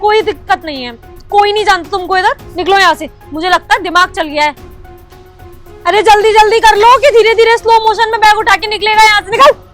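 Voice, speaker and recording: A woman's voice: very high voice, fairly quick, fairly bright tone, soft background music. A woman playing a sneering snobbish young woman. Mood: contemptuous. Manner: sneering, scornful, insulting. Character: rude, snobbish young fiancée, contemptuous.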